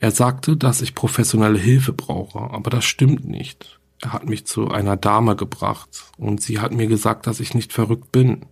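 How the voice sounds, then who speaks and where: Guy reading as a scared little girl writing her diary to her dead mom, low gravelly husky voice, quiet plain creepy story read. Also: steady tone, normal speed, few pauses. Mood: fearful.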